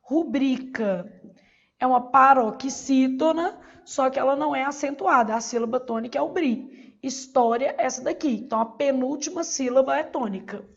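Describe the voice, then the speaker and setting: A woman's voice: sits high, moderate pace, vocal fry, lo-fi sound. A Brazilian woman teaching a Portuguese exam-prep lesson, asking questions and answering them herself. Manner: didactic, asks and answers her own questions.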